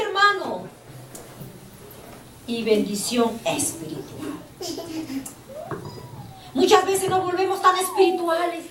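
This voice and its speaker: A woman with an extremely high-pitched voice preaches a fervent sermon in a church hall, repeatedly calling out to the audience as brothers. The recording is distant and echoey, with background noise and faint room ambience.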